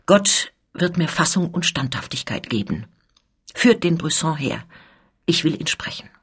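A woman's voice: deep voice, very animated, measured pace, a bit bright, husky, full character voice. Woman reading as a dignified old noblewoman. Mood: resolute. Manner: indignant, dignified speech. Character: elderly noblewoman, dignified and upright.

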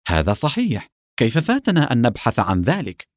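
A man reading the lines of a calm, resolute male captain, firm and measured. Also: mid-range voice, no room sound, studio quality.

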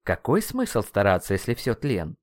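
A man's voice: lowish voice, huge pitch swings, moderate pace, dry recording. A man narrating a first-person audiobook with a wry, ironic tone.

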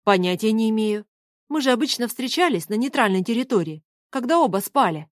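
A woman reading an audiobook, voicing a puzzled, plain-spoken young man in her own mid-pitched voice. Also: animated, fairly quick, dry recording, clean studio sound, natural voice.

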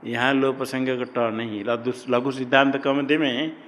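A man lectures on grammar at a middling pitch, posing questions to his class and answering them himself while repeating each term. His voice carries a long reverb, as if recorded in a large hall. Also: fairly even intonation, normal speed, a bit bright, a little hiss or hum. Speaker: Sanskrit grammar teacher.

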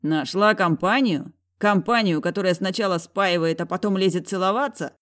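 A woman voicing an angry, possessive young man who speaks slowly through gritted teeth. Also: mid-range voice, a bit bright, pitched above the performer's own voice, natural voice. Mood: stern. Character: stern possessive young man, barely holding anger.

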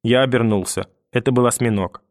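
A man reading a novel aloud as first-person narrator, steady and even. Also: mid-range voice, a little fast, no room sound, clean studio sound. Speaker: audiobook narrator. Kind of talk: scripted narration.

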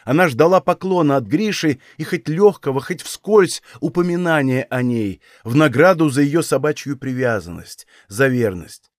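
Expressive male narrator for a literary audiobook; slightly high voice, dry close recording. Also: normal speed, no room sound.

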